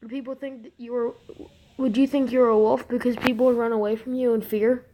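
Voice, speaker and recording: A woman's voice: on the high side, level tone, fast, warm tone. A woman giving casual reaction commentary in a sceptical, mocking manner. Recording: noisy home recording with clicks.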